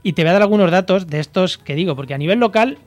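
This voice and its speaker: A man from La Mancha speaks on a radio program with a slightly raised pitch, reasoning aloud about climate studies. He pauses often, fills gaps and restarts his sentences, and the studio sound is dry and close. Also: expressive, a little mellow, no room sound, highs cut off. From Castilla-La Mancha, Spain. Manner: thoughtful, hesitant with fillers and restarts. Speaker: ecology expert guest. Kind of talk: radio interview, explaining.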